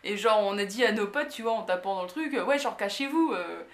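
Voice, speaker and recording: A young woman from France telling an anecdote in a casual, slangy way, full of fillers and lively asides. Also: mid-range voice, fairly quick. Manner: animated, slangy, many fillers. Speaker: vlogger. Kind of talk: casual storytelling. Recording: echoey room.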